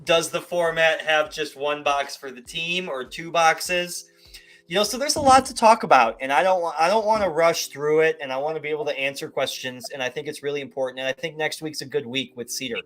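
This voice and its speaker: A man's voice: fairly high pitch, brisk, a bit bright. A man hosting a live amateur golf show, walking through rules step by step and tossing in rhetorical questions. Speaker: golf tour show host. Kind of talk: casual live show chat.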